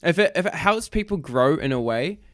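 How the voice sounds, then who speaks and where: A young New Zealand man co-hosting a loose podcast, his pitch swinging up and down as he jokes and swears. His voice sits close and dry on the mic, with no room sound around it. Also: lively intonation, fairly quick, no room sound. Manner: crude, joking, laughs often. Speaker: podcast co-host. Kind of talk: casual chat.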